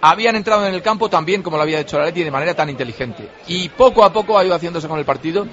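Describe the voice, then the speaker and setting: A man's voice: a little high, animated, very fast, fairly bright tone. A man giving football punditry, rambling and hesitant with fillers as he sums up the match. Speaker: studio pundit. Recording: dull lo-fi broadcast audio.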